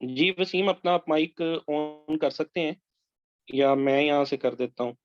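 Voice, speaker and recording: Over a video call, a man coaches candidates through a mock interview, correcting them in an instructive way. His fairly high voice is a little slow, with soft music behind it, no echo, and muffled call audio.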